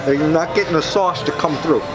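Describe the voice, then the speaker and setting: A man's voice: on the high side, fast, music in the background. A man from the Philadelphia area reviewing pizza for his vlog, talking to viewers while chewing with his mouth full of pizza. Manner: talks straight to viewers, repeats phrases, tags lines with "okay?". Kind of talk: casual food review vlog.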